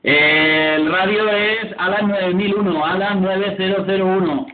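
High-voiced man over crackly CB radio. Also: steady tone, a little slow. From province of Alicante, Spain. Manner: friendly, repeats words and tags phrases with "¿eh?" and "¿no?". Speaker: CB radio operator. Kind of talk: casual radio contact chat. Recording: tinny CB radio with echo and loud static.

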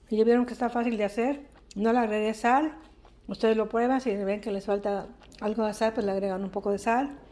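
Mellow, chatty woman showing a home recipe. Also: mid-range voice. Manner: homely, unhurried, chatty, with diminutives. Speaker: host of a home cooking channel. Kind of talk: casual recipe demonstration. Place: home kitchen, indoors. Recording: faint-to-clear background noise, home kitchen.

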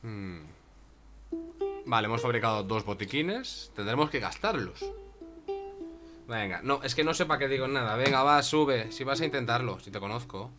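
A man's voice: mid-range voice, lively intonation, normal speed, over music. A man with a Spain Spanish accent giving casual gameplay commentary, chatty and talking to himself and his cat. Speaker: gaming YouTuber.

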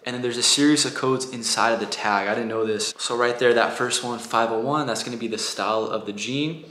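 A man in his thirties chatting casually to a handheld camera as a vlogger, relaxed and full of "like" and "gotcha". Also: medium pitch, brisk, roomy sound. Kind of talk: casual vlog narration. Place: outdoor flea market, car and apartment kitchen. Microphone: handheld camera at arm's length.

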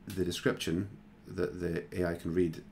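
A man hosting a screen-recorded software tutorial, talking casually and thinking aloud with plenty of fillers. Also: deep voice, little pitch movement, normal speed, vocal fry, slight background noise. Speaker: tutorial host.

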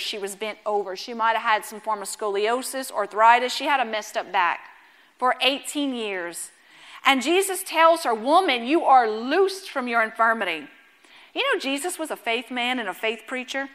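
Woman pastor, high bright voice, lively storytelling preacher. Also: moderate pace. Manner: animated, preaching with rising intensity and humor. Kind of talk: sermon.

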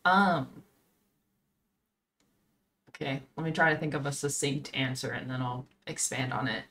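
Woman, twenties, deep voice, earnest podcast host, faint room hum. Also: a little slow, a bit bright. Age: 20s. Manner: earnest, thinks aloud. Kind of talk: casual chat. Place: home streaming room.

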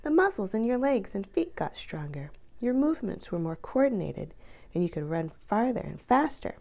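A woman with a mid-range voice and noticeable vocal fry reads a children's book aloud. She is expressive and deliberate, drawing out key words to emphasize them.

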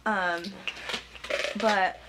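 A young woman vlogging casually in a hotel room, excitable and giggly, with a lot of noise behind her. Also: mid-range voice, very slow. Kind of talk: casual chat. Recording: loud background noise.

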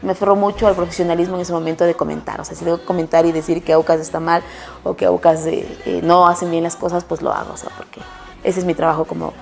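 A woman's voice: on the low side, level tone, fast, vocal fry, faint music behind. A woman sports journalist with an Ecuadorian accent, chatting in an interview and telling stories, with many restarts and self-corrections. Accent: Ecuadorian Spanish. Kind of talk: casual interview answers and storytelling.

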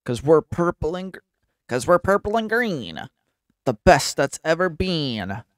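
Man as a snarky bandit, sneering, slow, swooping pitch. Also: very animated, fairly bright tone, no room sound, studio quality. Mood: gloating. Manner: sneering, drawn-out. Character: snarky male bandit thug, mean, boastful.

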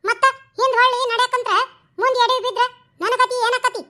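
A woman voicing a fussy, dramatic village woman in a cartoon, with a North Karnataka Kannada accent and an excitable, chattering delivery. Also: very high voice, a little fast. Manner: excitable, storytelling, scolding. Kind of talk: cartoon voice acting.

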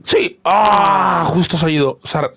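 A young man streaming a football video game live, giving excitable running commentary on his own play and repeating words. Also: fairly high pitch, moderate pace, husky. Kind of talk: live gaming stream chat with friends.

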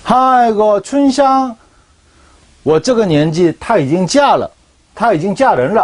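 Animated male Chinese teacher. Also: high-pitched. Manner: chatty, animated, asks for agreement. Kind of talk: casual lecture.

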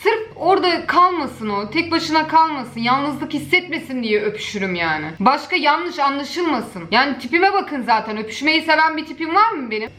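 Woman, high-pitched, reaction video host, casual commentary, animated, mock outrage. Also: normal speed, few pauses.

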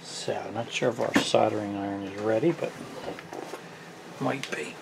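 At his workshop bench, a middle-aged small engine repair host thinks out loud while doing a repair, easygoing and quick to poke fun at himself in this hands-on tutorial. His fairly low, gravelly voice keeps a measured pace over a very noisy recording.

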